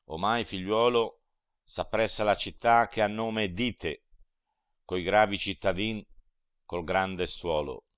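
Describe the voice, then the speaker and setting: A man's voice: fairly low pitch, clear, resonant tone, dry recording, clean studio sound. A man reading a wise old poet guide. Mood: reassuring. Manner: calm, fatherly, measured reassurance. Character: wise old male poet guiding a traveler. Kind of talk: dramatic poetry recitation.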